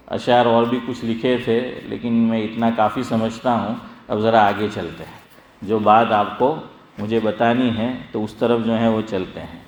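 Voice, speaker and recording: A middle-aged religious scholar giving a sermon-style lesson, quizzing his listeners and calling on them by name as he slowly drills pronunciation. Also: lowish voice, fairly even intonation, darkish tone. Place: gathering hall, evening assembly. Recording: echoey hall with long reverb.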